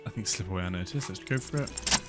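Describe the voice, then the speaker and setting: A man hosting a relaxed playthrough of a video game, thinking aloud and laughing often. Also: deep voice, fast talker. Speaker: gaming channel host. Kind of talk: casual game commentary. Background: loud game music.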